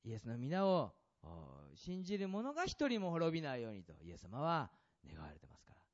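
A man preaching a sermon as a pastor, asking the congregation questions and swinging between loud and soft passages. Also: on the high side, wildly swooping pitch, fairly quick, muffled recording.

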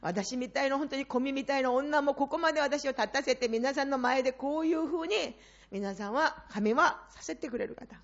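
A middle-aged woman preaches a fervent sermon to her congregation in a high voice. She sinks to near-whispers and then surges back up loud. The recording is a little muffled and lo-fi. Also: normal speed. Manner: impassioned, swings between hushed and loud. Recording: slightly dull lo-fi sound.

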